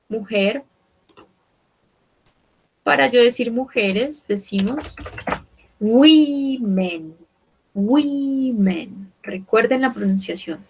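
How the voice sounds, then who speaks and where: A young adult woman teaching English online, mixing Spanish explanations with English words she repeats slowly twice. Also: on the high side, a bit bright. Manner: slow, repeats each word twice, checks with "¿ok?" and "¿sí?"; switches between Spanish and careful English.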